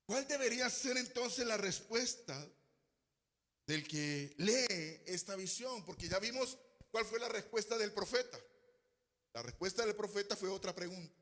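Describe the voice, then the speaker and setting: A man's voice: high-pitched, lively intonation, measured pace, fairly bright tone, big-room sound. A man preaching a sermon as pastor, reading scripture aloud with strong exclamations and putting questions to the congregation. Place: church hall.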